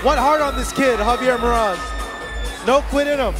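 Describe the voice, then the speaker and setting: A man with a very high, excited voice gives live boxing play-by-play. He projects loudly, often shouting, with crowd and music clearly behind him. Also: moderate pace. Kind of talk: live fight commentary. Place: live boxing event in Tijuana.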